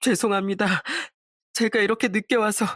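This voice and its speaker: A woman's voice: mid-range voice, fairly even intonation, moderate pace, fairly bright tone, dry recording, studio quality, lightly acted. A woman voicing an evasive cheating husband who makes defensive, pleading excuses in a story drama.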